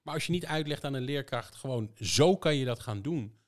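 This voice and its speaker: A man talking in a relaxed podcast conversation, explaining how his company's system works for schools and stressing his points with many rhetorical questions. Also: mid-range voice, a little fast. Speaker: education software provider.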